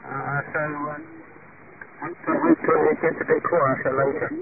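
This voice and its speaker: A man's voice: on the high side, steady tone, a little fast, vocal fry, a loud crowd. A man on the air in a ham radio net, talking casually and technically with many fillers, heard through a harsh old carbon microphone. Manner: chatty, technical, hesitant with fillers. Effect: harsh old carbon microphone sound. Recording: tinny noisy shortwave radio from far off.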